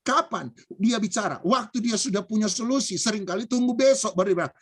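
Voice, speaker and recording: Husky male pastor preaching with humor. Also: sits high, a little fast. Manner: lively, joking, repeats phrases for emphasis. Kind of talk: humorous sermon.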